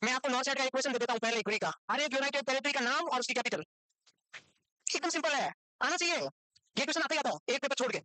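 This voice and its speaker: Woman teacher, high voice, rapid delivery, quizzing and scolding a class, dry sound. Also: expressive, bright, forceful tone, no room sound. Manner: quizzes and scolds students, brisk. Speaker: nursing exam teacher. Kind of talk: classroom lecture.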